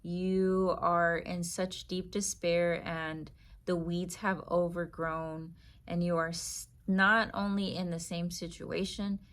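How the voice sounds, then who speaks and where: Slow, earnest woman giving faith encouragement. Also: on the low side, flat delivery. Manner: earnest, emphatic, with dramatic pauses. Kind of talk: spoken devotional encouragement.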